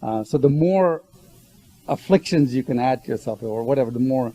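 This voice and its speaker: A man's voice: mid-range voice, expressive, moderate pace, dark tone, no room sound, poor audio. A man who grew up in Ghana, speaking as a guest on a panel discussion. He explains his points earnestly and often stops to correct himself.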